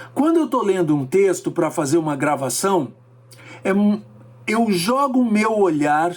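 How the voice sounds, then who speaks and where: Professor de oratória animado. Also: male voice. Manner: lively, varies pace and pitch for emphasis. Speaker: speaking coach. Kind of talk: teaching lesson.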